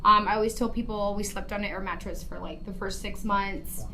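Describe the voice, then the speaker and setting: A woman's voice: mid-range voice, steady tone, brisk, bright, forceful tone, slight background noise, poor audio. A woman in her thirties from El Paso, Texas, telling her life story as a podcast guest in an earnest way, with many ums and you-knows. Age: 30s. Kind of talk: casual personal story on a podcast.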